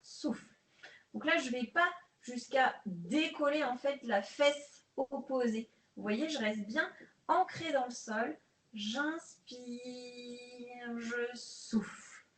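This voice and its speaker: A woman leading a guided prenatal exercise class, calmly counting breaths and giving coaching cues. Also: sits high, slow pace, recorded from a distance. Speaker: prenatal fitness instructor. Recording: echoey room, voice off-mic.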